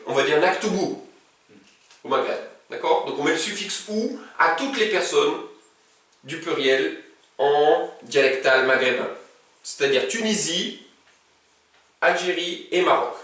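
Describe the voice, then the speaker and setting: A man gives a casual, chatty language lesson with a fairly high voice that swings up and down a lot. He sounds set back from the mic, in a room full of strong echo. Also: animated, a little slow, a bit bright, recorded from a distance. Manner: casual and chatty, with conjugations recited in a row. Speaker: Arabic teacher. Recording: very echoey room, speaking from away from the mic.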